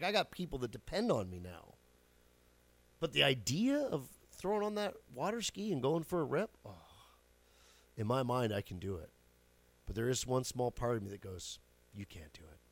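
A mid-range male voice, with no room sound. This radio host in his forties tells stories casually in a chatty monologue, letting a swear word slip now and then and chuckling at his own humor.

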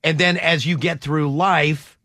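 A man's voice: a little high, fairly even intonation, a little slow, pushed and bright, no echo, clean studio sound. A man hosting a casual panel chat, reading out statements and quizzing the panel playfully. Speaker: host.

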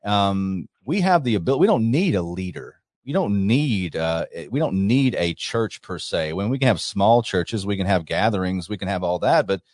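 Male talk show host, low voice, dry close sound, chatty and rambling. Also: lively intonation, moderate pace, few pauses, a little mellow, no room sound. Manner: conversational, many fillers and restarts.

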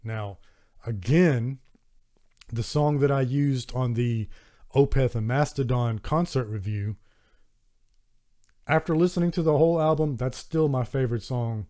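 Man, Southern American accent, podcast host, mellow dark voice, earnest, casual, close mic. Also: medium pitch, measured pace, pauses often. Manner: earnest and enthusiastic, with warm thanks and frequent restarts. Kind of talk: casual solo podcast talk.

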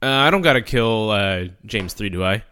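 A man's voice: fairly low pitch, expressive, normal speed, sharp tone, smooth. A man in casual comedic gaming banter who talks hesitantly, full of fillers.

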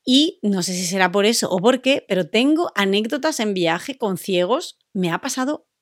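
A woman tells a personal story in a chatty, rambling way, filling pauses with small sounds. Her voice sits at an ordinary middle pitch. The recording is close and dry, with no room sound. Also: expressive, dry recording. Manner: chatty, hesitant with many fillers. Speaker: podcast co-host. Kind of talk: casual storytelling.

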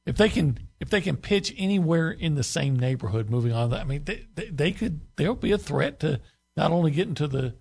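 A man's voice: fairly high pitch, lively intonation, a little fast, vocal fry, a little mellow, slightly rough. A man co-hosting a sports radio show from a studio, chatting in an enthusiastic, folksy way. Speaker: radio co-host. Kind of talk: casual sports radio chat. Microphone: studio mic.

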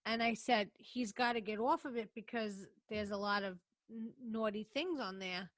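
A woman's voice: medium pitch, moderate pace, fairly bright tone, no room sound. A woman in casual chat with friends, blunt and swearing freely.

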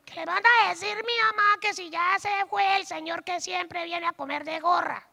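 A man doing a squeaky little boy. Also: fairly even intonation, moderate pace, creaky, bright, forceful tone, exaggerated voice. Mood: innocent. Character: small boy relaying his mother's message.

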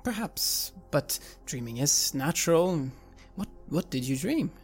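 A woman game master with a very low voice who narrates slowly. She soothes and repeats herself gently, with faint music underneath. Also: big pitch swings, breathy edge. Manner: slow, soothing, gently repetitive. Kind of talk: narrating and voicing a kind doctor.

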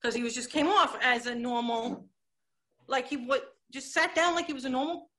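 Woman from Long Island, chatty storyteller with a slightly high voice who acts out every line of dialogue. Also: moderate pace, a bit bright. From Long Island, New York. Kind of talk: casual chat, anecdote.

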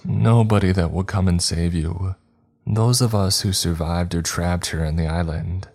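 A man voicing a weary older woman who has survived on an island for decades, speaking gently but bluntly. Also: low voice, measured pace, gravelly, heavily acted. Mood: gentle.

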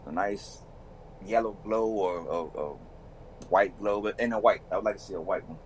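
Low-voiced man chatting casually. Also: moderate pace, a little hiss or hum, poor audio. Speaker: podcast guest. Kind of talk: casual chat.

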